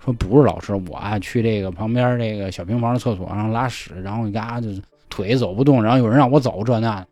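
A man telling a ghost story in casual chat, acting out the dialogue in hushed voices. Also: lowish voice, fast, few pauses, no room sound, faint music behind. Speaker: podcast storyteller.

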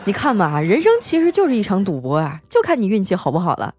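A woman's voice: medium pitch, very animated, quick pace, a little mellow. A woman host telling comic family stories in a chatty, teasing way, laughing often. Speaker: radio-style host. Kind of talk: comic storytelling monologue.

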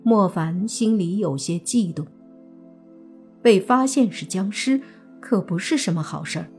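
A woman narrating a serialized novel in steady storytelling. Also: medium pitch, a little slow, soft background music. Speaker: audiobook narrator.

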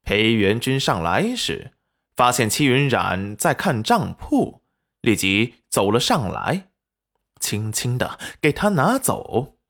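A male narrator reading a serial novel aloud with expressive storytelling. His pitch swings widely, rising and falling with the story, while he keeps an unhurried, deliberate pace. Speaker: audiobook narrator.

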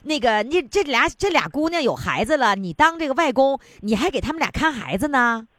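A woman host with a high voice that swings widely in pitch. She chats casually, asking question after question in a teasing, inquisitive way. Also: sing-song, a little fast, fairly bright tone, dry recording, clean studio sound. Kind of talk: casual chat interview.

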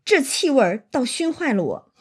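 A woman's voice: sits high, very animated, moderate pace, breathy edge, full character voice. Woman doing a coldly scornful young swordsman. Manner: cold, mocking, commanding.

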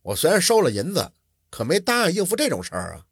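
A male storyteller voicing a stern, bitter middle-aged scholar who talks curtly and coldly, his voice dropped low. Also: huge pitch swings, fast, husky, dry recording, clean studio sound, exaggerated voice. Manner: cold, curt, low-voiced.

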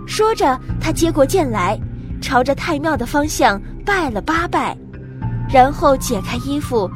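A woman narrating a classic tale as a storyteller, in a lively, dramatic way. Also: high-pitched, measured pace, over music.

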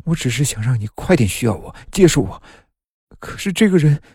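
A man's voice: deep voice, animated, moderate pace, a little mellow, slightly rough, dry recording, clean studio sound, heavily acted. A man voicing a gaunt, lovesick young man in an audio horror story, speaking in an agitated, pleading way.

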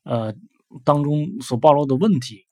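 A man's voice: fairly high pitch, moderate pace, darkish tone, no room sound, clean studio sound. A young man giving casual spoken advice as a developer, hesitant, with many fillers and repeated words.

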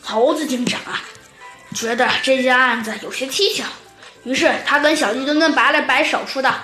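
A woman narrating a children's storybook in an expressive, sing-song way, drawing out her sentence particles. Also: high-pitched, normal speed. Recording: echoey room with faint music.

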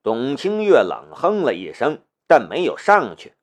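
A man narrating a novel in an expressive storytelling manner. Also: medium pitch, measured pace. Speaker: audiobook narrator.

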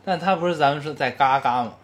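一位带北京口音的男播客主持人，口语化地闲聊、读听众留言，带点冷幽默。. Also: male voice, a little high, fast talker. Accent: Beijing. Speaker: podcast co-host reading listener messages. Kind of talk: casual chat.

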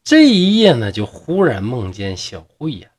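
A male storyteller with a Northeastern Mandarin accent, narrating an old ghost tale in a chatty, humorous way. His pitch swings widely and he stretches out his fillers. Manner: lively, chatty, drawn-out fillers.

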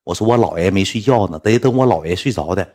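A young man with a Northeastern Chinese accent, casually telling a story about his school days, getting animated and climbing high in pitch when worked up. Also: quick pace.

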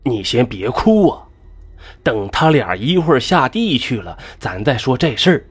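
Anxious young husband in a storybook tale, soothing tone, husky, as a male storyteller does him. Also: medium pitch, big pitch swings, normal speed. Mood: coaxing. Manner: coaxing, pleading.

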